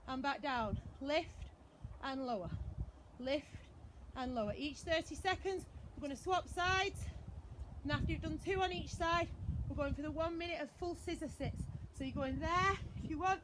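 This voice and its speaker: A woman's voice: very high voice, fairly bright tone, a little hiss or hum. A woman fitness instructor leading a live workout class with short repeated commands, counts and encouraging cues. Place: outdoors in a back garden.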